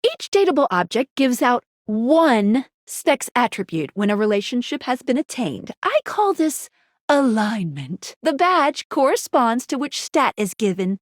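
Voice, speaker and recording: Skylar, a perky game guide with a high female voice, delivers scripted video game dialogue as both a tutorial guide and a dating sim character. She sounds bubbly, teasing and expressive. The recording is dry and of studio quality.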